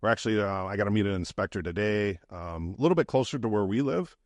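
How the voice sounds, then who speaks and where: A man's voice: lowish voice, fast talker, a little mellow, no echo. A man from the Midwest, a real estate investor, chatting casually as a podcast guest in a folksy, storytelling way. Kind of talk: casual interview chat.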